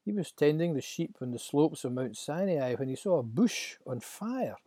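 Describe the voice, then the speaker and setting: A man narrating a scripted Bible story with dramatic, expressive delivery and a husky voice. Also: on the high side, moderate pace, no room sound.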